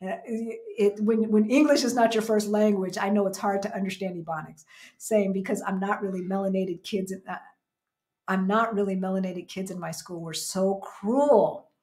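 Her voice is mid-range, steady, and a little mellow, delivered at ordinary speed. She's an American in her fifties co-hosting a relaxed livestream from a small indoor room at home, reading viewer comments and stressing points by repeating phrases emphatically.

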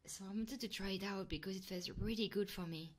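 On an ASMR live stream, a woman with a medium-pitched, brisk voice chats casually with her audience and keeps checking in on her listeners in a coaxing way. A handheld massager hums in the background, and its electric motor buzz comes through clearly.

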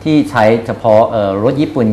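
A man in his thirties answering interview questions as a company guest, hesitant, often pausing and repeating words. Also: mid-range voice, warm tone, roomy sound, slight background noise. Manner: hesitant, frequent filler pauses and repeated words. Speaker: company executive being interviewed. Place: small indoor showroom office. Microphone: lapel mic.

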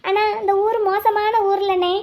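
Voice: very high-pitched, flat delivery, a little slow, darkish tone. A performer voicing a wary young village woman who talks to herself and coaxes others in a cartoon. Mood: coaxing. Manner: talks to herself, pleading and coaxing. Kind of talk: cartoon voice acting, inner monologue and dialogue.

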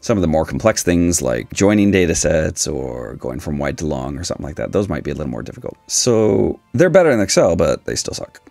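Man in his forties, raspy and gravelly, very animated pitch, emphatic casual explainer, dry room. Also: fairly quick, few pauses, no room sound, faint music behind. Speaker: video host, statistics teacher. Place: small dim indoor room, seated.

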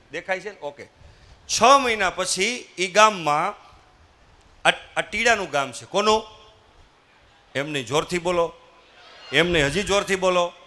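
A man's voice: high voice, bright, forceful tone. A man telling a folksy story at a live motivational talk, acting out characters and prompting the audience to answer. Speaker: motivational speaker.

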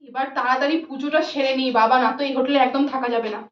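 A woman's voice: sits high, fairly even intonation, rapid-fire, lightly acted. A woman playing a superstitious, jumpy young woman who frets about ghosts and pleads anxiously, in a roomy, dull home recording. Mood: fretful.

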